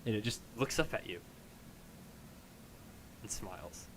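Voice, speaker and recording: A man narrating a tabletop game as game master, improvising halting, descriptive storytelling addressed to the player. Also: on the low side, animated, slight background noise.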